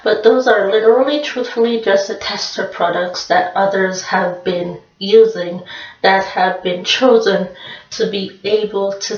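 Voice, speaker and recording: A woman talks through a makeup tutorial at an unhurried pace, repeating phrases as she goes. Her voice sits in the middle range and sounds distant and muffled. A reverberant room surrounds the recording. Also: medium pitch. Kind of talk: casual how-to talk. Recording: echoey room, mic far off, dull sound.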